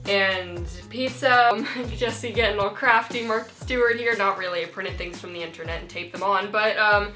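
A woman's voice: mid-range voice, steady tone, brisk, few pauses, pushed and bright, roomy sound, faint music behind. A young woman hosting an upbeat haul vlog, bubbly and self-mocking, giggling often between lines. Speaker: YouTuber.

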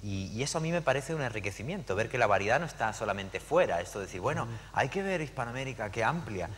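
A man from Argentina speaking as a panelist in a live conversation, animated and digressive with frequent hesitations. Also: medium pitch, quick pace. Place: lecture hall at a public event. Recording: hall reverb, faint background noise.

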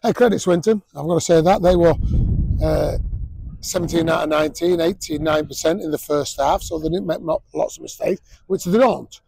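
Gravelly, husky coach. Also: male voice, a little high, moderate pace, darkish tone, no echo, rough recording. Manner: blunt, frequent fillers and restarts. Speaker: rugby league head coach. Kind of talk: post-match interview. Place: outdoors at a sports ground.

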